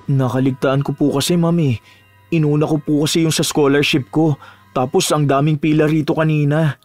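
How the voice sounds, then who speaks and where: Brief: actor voicing a young male student, high-pitched, respectful but hot-tempered. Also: little pitch movement, normal speed, a little mellow, soft background music, natural voice. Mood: pleading. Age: young adult. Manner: pleading, then indignant and cutting.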